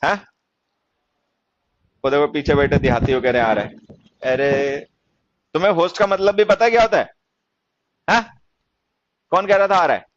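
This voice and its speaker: A man's voice: on the high side, fairly even intonation, dry recording. Teasing male grammar teacher, dull dry sound. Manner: teasing, mocks students' mistakes, reads example sentences slowly. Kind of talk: classroom lecture. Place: coaching class in Delhi.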